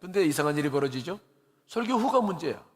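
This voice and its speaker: A man's voice: fairly high pitch, big pitch swings, fast. A man, a pastor, preaching an earnest, conversational sermon, laughing at himself now and then as he tells stories. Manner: earnest and conversational, with rising emotional emphasis. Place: church sanctuary. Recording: long church reverb.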